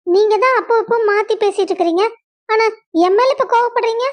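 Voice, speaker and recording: A woman's voice: very high voice, fast talker. A young woman acting a distraught wife who pleads with her husband in an emotional web drama. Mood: pleading.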